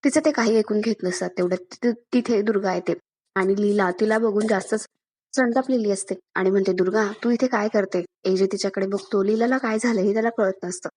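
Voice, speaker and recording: A woman reviewing a TV serial, retelling an episode's events at a steady pace. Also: medium pitch, brisk. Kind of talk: episode recap narration.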